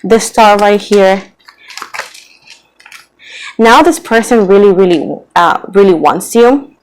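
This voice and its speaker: A woman's voice: mid-range voice, animated, takes it slowly, poor audio. Female tarot reader, rambling casual delivery, lots of fillers, mid-range voice. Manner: rambling and chatty, heavy on "like" and "you know". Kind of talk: casual tarot reading to camera.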